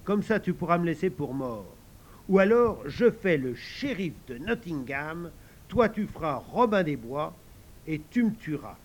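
A man's voice: a little high, big pitch swings, measured pace. A man voicing a bold, playful boy acting out an outlaw hero, in a theatrical, commanding way. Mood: boastful.

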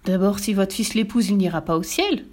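A woman's voice: medium pitch, fairly quick, darkish tone, natural voice. A woman voicing a pompous, lecturing male court chaplain in a read-aloud storybook. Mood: alarmed. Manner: lecturing, preachy. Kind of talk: storybook reading.

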